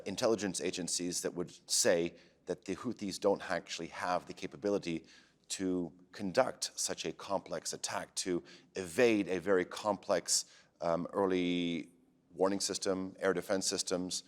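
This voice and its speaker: A man's voice: low voice, moderate pace, big-room sound. A man hosting a broadcast current-affairs interview, putting formal questions to a guest. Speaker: interviewer, TV host.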